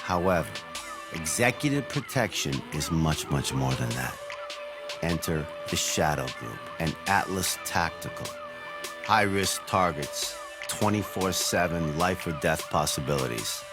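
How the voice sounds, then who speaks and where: A man's voice: low voice, lively intonation, a little slow. A man narrating a documentary in a punchy, dramatic scripted way. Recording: music underneath.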